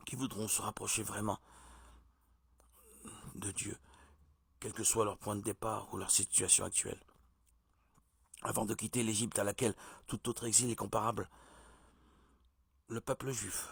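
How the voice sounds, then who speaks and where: Gravelly, husky man teaching scripture. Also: fairly low pitch, no room sound, studio quality. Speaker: preacher. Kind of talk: reflective religious teaching.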